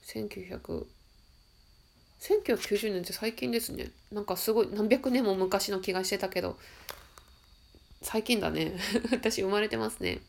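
Woman w a stuffy nose, soft and musing, reads a prayer slow then just chats a bit. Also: mid-range voice, vocal fry. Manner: soft, musing, slow and careful when reading. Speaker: podcast host reading a text aloud. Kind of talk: reading a prayer aloud with casual comments.

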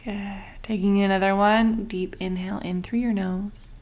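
Guiding listeners through a breathing meditation, this female coach keeps things calm and slow, pausing at length, her breathy voice frequently trailing into a whisper. She speaks at a medium pitch with a level, slightly mellow tone.

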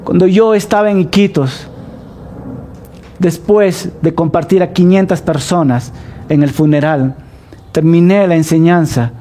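A Peruvian pastor in middle age delivers a sermon in a fairly high voice with a soft, mellow tone. He takes his time, asking the congregation questions and leaning on slow, deliberate repetition. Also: fairly even intonation, a little hiss or hum. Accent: Peruvian Spanish. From Peru. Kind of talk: sermon, Bible study.

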